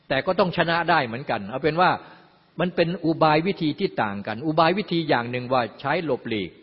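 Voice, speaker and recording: A man's voice: medium pitch, breathy edge. An older man teaching a Buddhist dharma talk in a folksy way, explaining with everyday examples and asides. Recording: lo-fi, long hall reverb.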